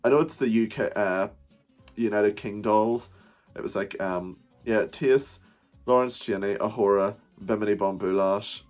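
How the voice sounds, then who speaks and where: Chatty man with a low voice. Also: measured pace, a little mellow, faint music behind. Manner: chatty, rambling, swears casually; uses the word wee. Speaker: drag performer reviewing a TV show. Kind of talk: casual vlog review. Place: at home.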